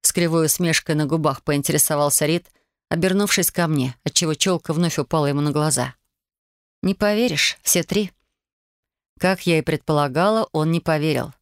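Мужчина размеренно читает аудиокнигу. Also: male voice, on the high side, fairly even intonation, a little fast, clear, resonant tone, no echo, clean studio sound. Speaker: audiobook reader. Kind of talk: fantasy audiobook narration in first person.

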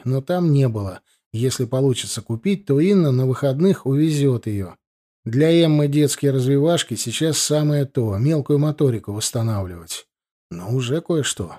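Young male narrator for a first-person audiobook; calm and conversational, warm low tone.

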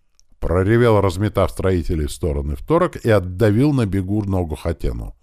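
A man narrates a historical adventure audiobook, reading expressively and playing up the characters' shouts. His voice is very low, yet his pitch moves a lot. The sound is dry and close to the mic. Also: sing-song, moderate pace, no echo. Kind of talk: scripted narration.

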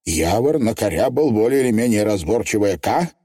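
Expressive male audiobook narrator. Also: mid-range voice, normal speed, no echo, clean studio sound. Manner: expressive storytelling. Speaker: audiobook reader.

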